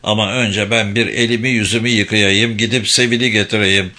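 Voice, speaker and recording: A man voicing an affectionate, playful grown son who talks low and calm to his old parents in a storybook reading. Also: brisk. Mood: reassuring.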